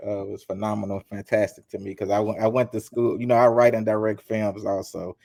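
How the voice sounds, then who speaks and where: A man hosting an interview, giving an upbeat, hyped-up welcome to his guest and asking relaxed questions. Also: on the low side, brisk, creaky, no room sound, clean studio sound. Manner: upbeat, hype introductions. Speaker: interview host.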